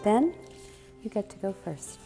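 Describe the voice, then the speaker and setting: A woman's voice: mid-range voice, big pitch swings, unhurried, creaky. A woman officiates a wedding with a scripted address. Her voice sits in a middle range. It rings in an echoey space, with music faintly behind.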